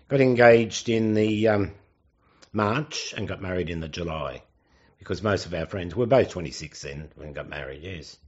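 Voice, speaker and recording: Halting, low-voiced elderly Australian man reminiscing. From Sydney, Australia. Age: 70s. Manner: halting, with hesitant pauses and self-corrections. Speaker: oral history interviewee. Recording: dull, lo-fi interview recording.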